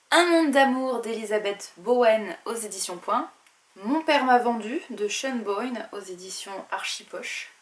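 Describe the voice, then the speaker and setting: Chatty woman book vlogger, fairly high voice. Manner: listing titles and publishers with asides, some fillers. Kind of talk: casual book haul presentation.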